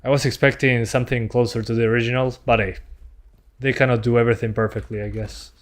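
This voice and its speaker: Mid-pitched man streaming a game. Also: flat delivery, quick pace. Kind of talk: casual gameplay commentary, answering chat.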